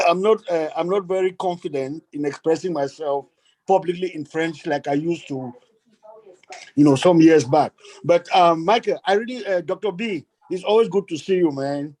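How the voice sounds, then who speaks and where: A man's voice: fairly high pitch, normal speed, darkish tone, rough recording. A man from Cameroon speaking earnestly on a video call, often repeating his phrases for emphasis. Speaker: guest speaker. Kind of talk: online meeting remarks.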